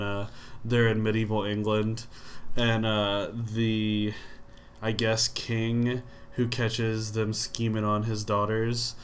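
A man's voice: fairly low pitch, a bit bright, a little hiss or hum. A man co-hosting a casual film podcast, talking in a dry, matter-of-fact way with stumbling restarts. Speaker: podcast co-host.

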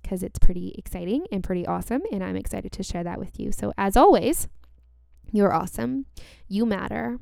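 Creaky-voiced woman giving earnest motivational talk. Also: mid-range voice, brisk, a little mellow, no echo, studio quality. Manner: earnest, emphatic, repeats key phrases for weight. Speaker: podcast host. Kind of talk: motivational self-help talk, addressing the listener directly.

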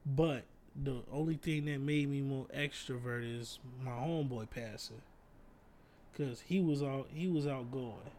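This man has a mid-range, slightly mellow voice and talks a bit slowly, with faint background noise behind him. As a podcast co-host in an easygoing conversation, he spins laid-back, profanity-laced tales full of slang and chuckles through the punchlines.

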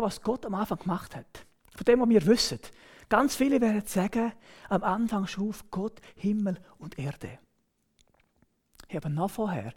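A woman with a Swiss German accent, preaching a sermon emphatically, with exclaimed interjections and hushed, near-whispered phrases. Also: fairly high pitch. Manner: emphatic, with exclaimed "wow" and "hey"; drops to a near whisper at times.

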